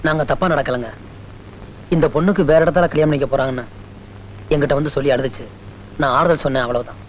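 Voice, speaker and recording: An actor playing a steady young village man in love, reassuring and playful in a 1980s Tamil film drama. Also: on the high side, fast, a little hiss or hum, close to an everyday voice, poor audio. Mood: earnest. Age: young adult. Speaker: hero, suitor.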